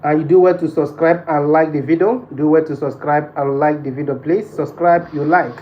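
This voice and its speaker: A Nigerian man with a Nigerian accent hosts a casual livestream, talking to viewers and insistently repeating his phrases. His voice is fairly high and steady at a moderate pace, and the stream sounds dull and lo-fi with background noise.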